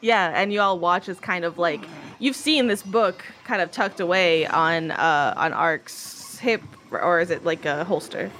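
A woman running a live-streamed tabletop game as game master, quick and laughing often. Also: on the low side, a bit bright, a little hiss or hum.

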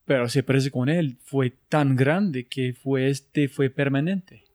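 A man hosting a relaxed interview at an average pitch. He pieces his questions together slowly and pauses to search for the right words. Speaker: podcast host. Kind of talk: casual interview chat.

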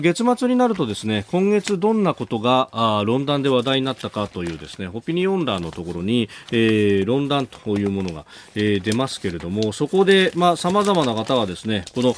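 A man hosting a radio news show, explaining the day's stories in a measured way with frequent filler pauses. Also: mid-range voice, slight background noise. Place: radio studio.

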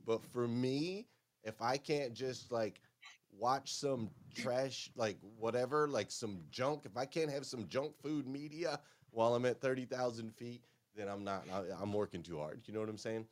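A man hosting a morning show, chatting casually and motivationally in an upbeat, animated, informal way. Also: mid-range voice, normal speed.

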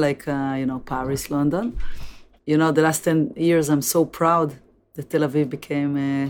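A woman's voice: deep voice, darkish tone. A woman in her fifties with an Israeli accent, a native Hebrew speaker, answering interview questions in English with many uh and you know fillers. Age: 50s. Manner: frequent fillers like uh and you know, plain direct phrasing. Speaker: interview guest, former Olympic athlete.

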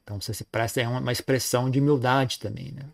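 A man gives a Buddhist teaching, talking in an easy, conversational way. He keeps tagging his phrases with a questioning "right?" at a mid pitch, as if checking in with his listeners. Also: rapid-fire, gravelly. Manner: relaxed, frequent "né?" tag questions. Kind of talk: dharma talk.

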